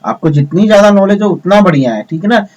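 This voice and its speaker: A man's voice: high-pitched, expressive, quick pace, darkish tone. Man coaching exam students, lo-fi sound. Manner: repetitive, addresses students as friends, rhetorical questions. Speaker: teacher. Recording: dull lo-fi sound.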